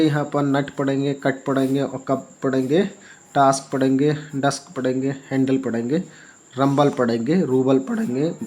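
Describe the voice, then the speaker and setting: A male English teacher who spells words letter by letter and reads them out slowly for learners, often repeating himself and asking rhetorical questions. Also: medium pitch, a little mellow, low-quality recording.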